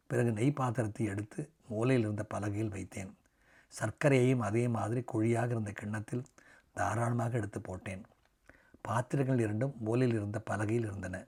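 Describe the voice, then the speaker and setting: A man in his sixties reading a short story aloud in a measured, softly dramatic way. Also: fairly low pitch, breathy edge. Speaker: story reader.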